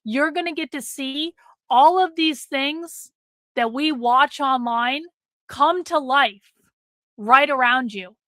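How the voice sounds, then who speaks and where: Her voice sits high, slow-paced and sharp, with no room sound: a middle-aged livestream host chatting casually with viewers. She's blunt, swears a lot, and repeats things for emphasis while her voice fails.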